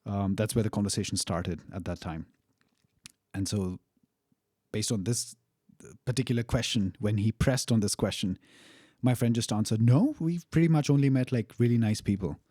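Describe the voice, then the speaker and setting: A man's voice: lowish voice, normal speed, mellow, no echo, clean studio sound. A young man casually telling a personal story, candid and profane, laughing now and then. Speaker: storyteller recounting a travel experience.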